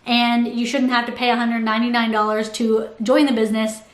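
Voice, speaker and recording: Woman, slightly high voice, casual critical commentary, argumentative, informal, roomy echoey recording. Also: flat delivery, fairly quick. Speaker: commentary video host.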